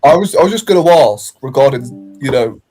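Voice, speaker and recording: A man's voice: mid-range voice, expressive, brisk, warm tone, soft background music, rough recording. Hesitant man asking the panel questions. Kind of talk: casual football chat.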